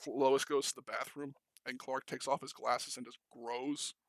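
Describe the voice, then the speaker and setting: A man's voice: medium pitch, flat delivery, a little slow, a bit bright, dry recording. A young man co-hosting a podcast, talking casually and enthusiastically about films, rambling with many fillers and restarts. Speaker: podcast co-host. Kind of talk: casual film discussion.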